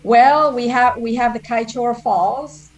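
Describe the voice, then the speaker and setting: A woman's voice: on the high side, slow, low-quality recording. A woman from Guyana co-hosting a live panel over a video call, speaking in a reflective, easygoing way with repeated words. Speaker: co-host. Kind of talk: casual panel chat.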